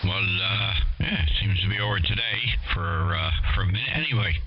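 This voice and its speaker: A man's voice: deep voice, brisk. A man, a ham radio operator giving short, laid-back replies in casual chat. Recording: dull radio audio under heavy static.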